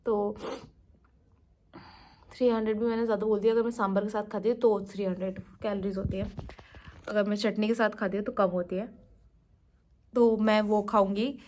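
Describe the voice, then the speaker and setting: A young woman with an Indian accent, chatting quickly and casually as a vlogger. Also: medium pitch, level tone, a little mellow. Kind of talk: casual vlog chat in Hindi-English mix.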